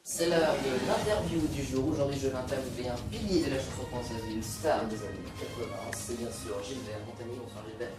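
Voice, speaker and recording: A man's voice: mid-range voice, fairly quick, hardly any pauses, music in the background, natural voice. News anchor parody: man as bumbling, blunt TV presenter with mock formality, recorded in a very echoey room at a distance. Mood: deadpan. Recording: echoey room, distant mic, faint noise.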